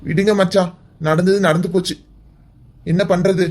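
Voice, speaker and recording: A man's voice: sits high, steady tone, moderate pace, a little mellow. A man voicing an emotional, remorseful middle-aged village uncle in a cartoon, tearful and fond with his family. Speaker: uncle and father. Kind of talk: cartoon voice acting.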